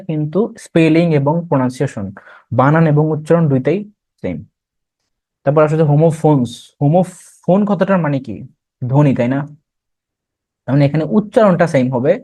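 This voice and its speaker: A man's voice: a little high, dark tone. A young man teaching an admission test revision class, explaining terms and quizzing students as he goes.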